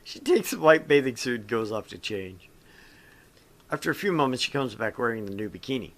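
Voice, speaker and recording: A man hosts a casual visual novel playthrough, reading the text aloud and switching into goofy, jokey banter. His mid-range voice swings widely in pitch and moves fairly quickly.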